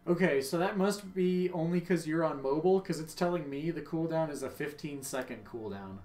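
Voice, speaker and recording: A man's voice: fairly high pitch, moderate pace, darkish tone. A man streaming a game live, commenting as he plays and chatting with viewers in a joking, profane way.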